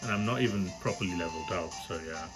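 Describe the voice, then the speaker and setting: A man's voice: deep voice, fast talker, rough recording. A man giving casual, self-deprecating let's play commentary, swearing freely. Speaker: gaming YouTuber. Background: game music.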